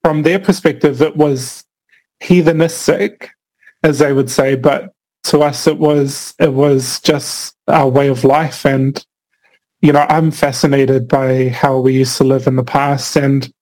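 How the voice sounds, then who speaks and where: Steady in tone and a little slow, a young Cook Islands man, a filmmaker guest, thinks through his interview answers with plenty of fillers and restarts. His mid-range voice is a little mellow, captured on a low-quality recording.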